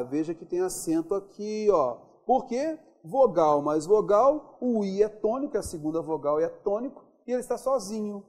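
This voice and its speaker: A Brazilian man teaches grammar in a high, mellow voice. His pitch swings widely as he drags out sample words one by one. He keeps checking that his students are following. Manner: stretches out example words slowly, checks in with listeners often. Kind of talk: classroom lesson on accent rules.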